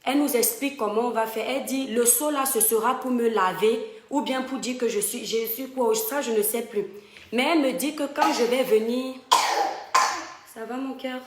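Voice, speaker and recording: A woman's voice: on the high side, moderate pace, slight background noise. A woman from Cameroon, talking directly and emphatically to online followers as she tells a personal story from home. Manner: emphatic, fond, addresses viewers directly. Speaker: live-stream storyteller. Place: home room. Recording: roomy home echo.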